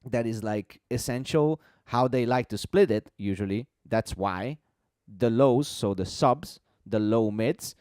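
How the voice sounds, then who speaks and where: A man talks through his points in a relaxed, conversational live-stream manner, often repeating himself to drive an idea home. His voice sits in an ordinary middle range and comes across smooth and clear. The sound is dry, with little room around it. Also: mid-range voice, measured pace, few pauses, no room sound. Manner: explanatory, repeats words for emphasis. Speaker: host explaining music mixing. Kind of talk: casual live-stream chat.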